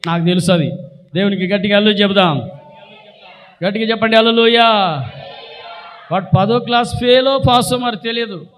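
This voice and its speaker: A man preaching a sermon as a pastor, exhorting his congregation with loud declarations and quiet asides. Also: high-pitched, a little fast, long pauses. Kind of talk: sermon with prayer and call-and-response. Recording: long reverb of a church hall.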